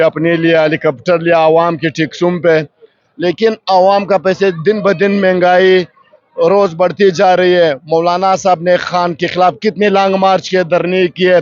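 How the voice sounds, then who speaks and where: A party worker at a rally giving a fervent, rousing political speech to a reporter. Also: male voice, sits high. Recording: dull lo-fi field recording.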